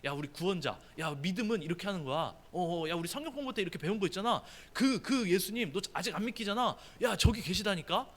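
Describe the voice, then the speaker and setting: A man's voice: high voice, quick pace, few pauses. A preacher voicing an eager young man urging a friend. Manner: excited, repeatedly calling out to his friend. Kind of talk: sermon.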